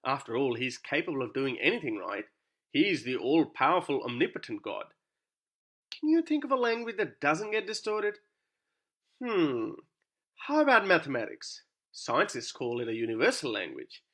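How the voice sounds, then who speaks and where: This native Urdu speaker, a YouTube commentator, argues his way through a scripted monologue full of sarcastic rhetorical questions. His mid-range voice swings widely in pitch, moving at a moderate pace with a pushed, bright quality.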